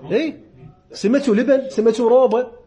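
A man with an Iraqi Arabic accent giving a seminary lecture on religious law, repeating definitions slowly and joking with his students. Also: very high-pitched, warm tone.

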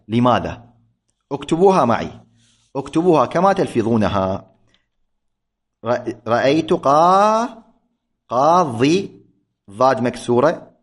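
A man teaching a grammar lesson, patiently repeating points and correcting himself aloud. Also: mid-range voice. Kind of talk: classroom lecture.

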